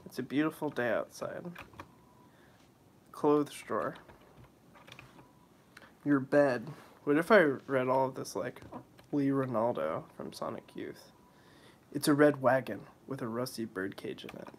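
A man's voice: medium pitch, unhurried, pauses often, a little hiss or hum. Wry young man reading game text. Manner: wry, offhand, drops into mock voices and whispers. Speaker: let's play commentator. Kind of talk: casual gameplay commentary, reading game text aloud.

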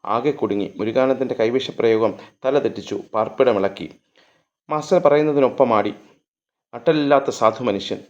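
Male storyteller, measured literary reading, mid-pitched, dull lo-fi recording. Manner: measured reading with long lyrical lists and occasional restarts. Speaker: narrator. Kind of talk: scripted literary narration.

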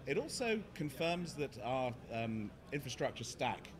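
A middle-aged English startup CEO explains his work in a conference interview, speaking at medium pitch with big pitch swings and no hurry. The recording comes from a busy indoor hotel conference hall, with a noisy crowd chattering behind him.

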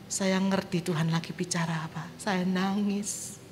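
In a large church hall, a woman evangelist gives a sermon with her own testimony, vividly recounting her story and performing the dialogue. Her voice is lowish and darkish, with fairly even intonation and a measured pace. The recording has church-hall reverb, background music and a little hiss or hum.

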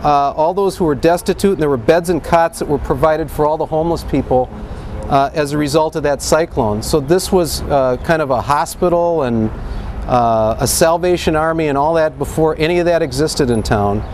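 A man's voice: fairly high pitch, moderate pace, darkish tone. Middle-aged man guiding a street tour. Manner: chatty, enthusiastic, with frequent uh fillers. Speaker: walking tour guide. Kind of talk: outdoor guided tour talk. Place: busy downtown street outdoors with a crowd. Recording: street noise behind.

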